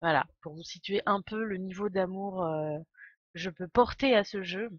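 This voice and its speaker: A woman in her twenties, congested with a cold, speaks in a mid-range voice at a moderate pace. The recording is dry and lo-fi as she hosts a live game stream, chatting casually and a little hesitantly.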